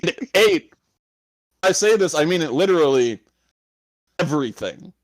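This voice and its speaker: A man's voice: fairly high pitch, lively intonation, moderate pace, no room sound, rough recording. A man co-hosting a podcast, telling a story in loose casual chat, swearing often and laughing between lines. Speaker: podcast co-host.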